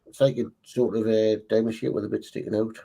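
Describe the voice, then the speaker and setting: A man with a Northern English accent and a dark, mellow voice reads out model assembly steps in an unhurried, careful way. He pauses as he checks each part and speaks like a casual livestream co-host. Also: fairly low pitch, flat delivery, creaky. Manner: reads instructions slowly, pausing to check parts. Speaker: co-host reading build steps. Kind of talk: casual livestream build chat.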